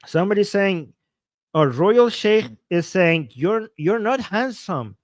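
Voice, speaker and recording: Slow and expressive, this man's high-pitched voice belongs to a livestream host in his forties. He reads out viewer comments and responds with playful, chuckling asides and plenty of repetition, captured at studio quality with no room sound.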